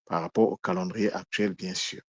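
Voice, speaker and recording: A man giving a daily spiritual teaching, explaining words slowly and carefully with frequent pauses. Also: sits low, steady tone, husky. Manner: slow, measured, explaining word by word with pauses.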